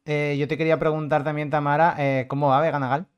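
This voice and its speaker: Quick-talking Spanish podcast host, man. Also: fairly high pitch, level tone, clean tone, muffled recording. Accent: Spain Spanish. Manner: quick, asks follow-up questions. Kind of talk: casual interview.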